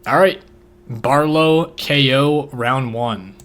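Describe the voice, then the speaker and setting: A laid-back man talking through fight picks in casual conversation. His voice sits at an everyday middle pitch. He rambles along with slang and fillers. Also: slow, fairly bright tone. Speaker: podcast co-host making fight picks. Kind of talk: casual chat.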